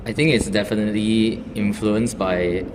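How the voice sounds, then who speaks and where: Low-voiced man, halting, in a noisy room. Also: fairly even intonation. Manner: halting, self-correcting storytelling. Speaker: guest. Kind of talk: casual panel chat. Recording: reverberant room with noticeable noise.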